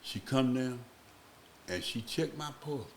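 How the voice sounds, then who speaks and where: A man's voice: mid-range voice, animated, slight background noise. Man telling a rambling story. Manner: slow, rambling, acts out voices in his stories. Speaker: podcast guest. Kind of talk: casual storytelling.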